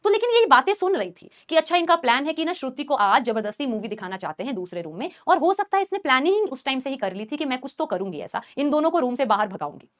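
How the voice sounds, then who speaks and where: A woman teacher telling a story to her students in a live class, animated and acting out the scenes. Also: high-pitched, fast, hardly any pauses. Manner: animated, acts out scenes and shrieks.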